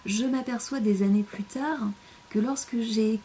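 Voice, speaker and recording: A woman's voice: fairly high pitch, unhurried, mellow, slight background noise. A young French woman chatting in a casual rambling monologue, hesitant, with many fillers, often sinking to a near-whisper. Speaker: vlogger.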